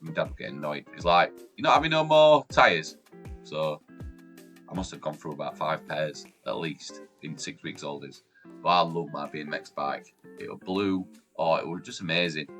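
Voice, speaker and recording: A YouTube host in his forties from Yorkshire, England presents a casual countdown vlog at a moderate pace, faint music behind him. Despite sounding chesty from a cold, he's chatty and upbeat, his pitch and loudness jumping lively. He's in a room at home, shelves behind the camera.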